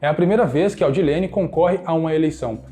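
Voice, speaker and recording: A man narrating a scripted radio news profile in a brisk, read-out delivery. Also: a little high, warm tone.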